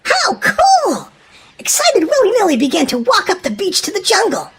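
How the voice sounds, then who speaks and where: A woman narrates a children's story in a very high-pitched voice, brisk and hugely dramatic and expressive. There is faint noise in the background.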